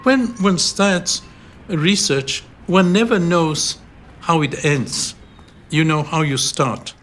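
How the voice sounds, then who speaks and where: An older man from Bulgaria, a research scientist, recounting his work slowly and deliberately in a documentary interview. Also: a little high, a bit bright, slight background noise.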